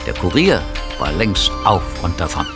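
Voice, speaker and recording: A man's voice: deep voice, very animated, normal speed, over music. A man narrating a scripted audio drama as its storyteller.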